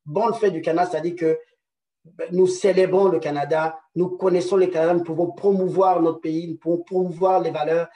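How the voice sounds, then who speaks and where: A man delivers a conference talk in a slightly raised voice, stumbling over repeated small words and filling pauses as he searches for the next phrase. He keeps reaching out to the audience with rhetorical check-ins. The sound is echoey and picked up from some distance away. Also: a little high, mellow. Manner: hesitant, many repeated words and fillers; rhetorical "n'est-ce pas" tags. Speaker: conference speaker. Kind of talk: presentation lecture.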